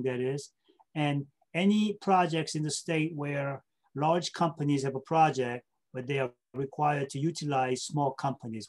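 A middle-aged South Korean man, a state government official appearing as an interview guest, answers questions with anecdotes and step-by-step explanations, often checking in with short tag questions. His voice is mid-range and a little mellow.

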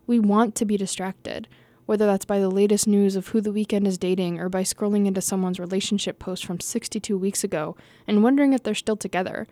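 A young adult woman reads her own essay aloud, casual and easygoing, restarting lines and laughing at her stumbles in unscripted asides. Her pitch is even and middling, her tone dark and mellow, and she speaks briskly with few pauses in a close, dry recording.

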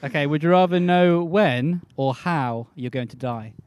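A man co-hosting a podcast, reading out questions in a relaxed, offhand casual chat. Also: a little high, moderate pace, clean tone, no room sound. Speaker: podcast co-host asking questions.

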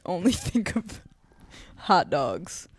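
A woman's voice: lowish voice, very animated, slow pace, husky, dry recording. A woman guest on a podcast, chatting casually with playful, offhand interjections. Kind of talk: casual chat.

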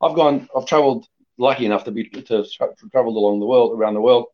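A middle-aged man raised in Australia, talking casually as a podcast guest in a rambling, lively way with many restarts. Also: medium pitch, quick pace. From born in Greece, raised in Australia. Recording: dull lo-fi podcast audio.

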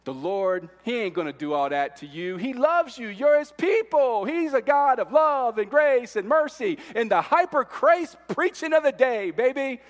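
A man's voice: very high voice, animated, moderate pace, few pauses, long reverb tail, pitched above the performer's own voice. A man preaching in a church voices a smug male false prophet, with a drawling, dismissive, folksy way of talking. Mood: reassuring. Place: large church.

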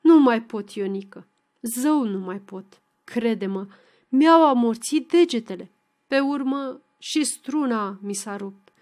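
A woman reading an exhausted male village fiddler in a storybook reading, spitting bitter grumbling curses, loud and strained, voice pitched fairly high for a man. Worn out and fed up, he snaps at everyone around him. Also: lively intonation, close to an everyday voice. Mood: pleading.

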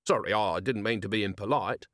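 A man's voice: fairly low pitch, brisk, fairly bright tone, no echo, close to an everyday voice. A man voicing a weary, blunt male watch commander in an audiobook, dry and tired.

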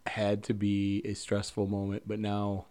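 A man's voice: fairly low pitch, completely flat delivery, unhurried, mellow. A man, a podcast co-host, listening in casual chat and breaking in with jokes, questions and short reactions. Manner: chatty listener who jokes and chimes in with reactions.

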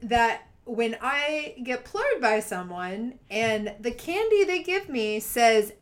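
A woman's voice: on the high side, very animated, takes it slowly. A woman co-hosting a podcast, talking in an earnest, emphatic way and laughing easily. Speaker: podcast co-host. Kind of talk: casual chat.

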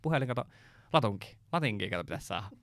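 A low-voiced man with a gravelly, creaky edge tells a long story in a loose podcast chat. He rambles and swears as he goes. The sound is close and dry. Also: very animated, fairly bright tone, no echo. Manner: rambling, full of fillers and swearing. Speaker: podcast co-host.

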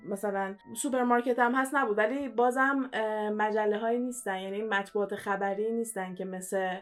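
Chatty young woman co-hosting a podcast, soft music behind. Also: medium pitch, steady tone. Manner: chatty, fast, many fillers and restarts. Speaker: podcast co-host. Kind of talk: casual podcast chat.

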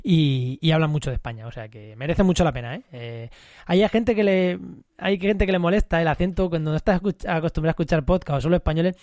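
A man from co-hosting a casual podcast, chatty, repeating words and filling pauses with "eh". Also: a little high, darkish tone, no room sound, clean studio sound. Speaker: podcast co-host.

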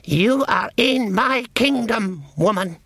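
A man reading a story aloud, voicing a cold and proud elf queen who speaks slowly and commands. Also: sits high, animated, vocal fry, a bit bright, dry recording, studio quality, pitched above the performer's own voice, full character voice. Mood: commanding. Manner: slow, commanding, haughty.

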